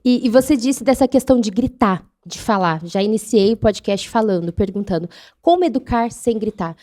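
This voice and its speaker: A woman's voice: medium pitch, animated, normal speed, warm tone. A woman with a Brazilian Portuguese accent who hosts a podcast and asks attentive follow-up questions in a studio. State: pregnant. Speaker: podcast host.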